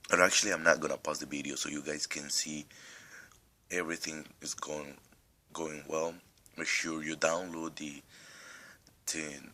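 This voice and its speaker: Slight background noise sits behind this tech tutorial host, whose very deep male voice sounds bright and forceful. Speaking with a non-native English accent, he takes viewers through a phone step by step in a casual screen tutorial, rambling, restarting often, and struggling with a cough.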